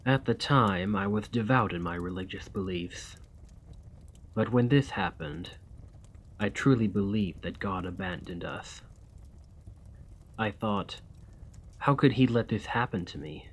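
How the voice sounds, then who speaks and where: Haunted and sorrowful, a man with a lowish voice performs as an ancient, weary vampire who was once a soldier. This ASMR roleplay has him speaking with courtly, formal, old-fashioned measure.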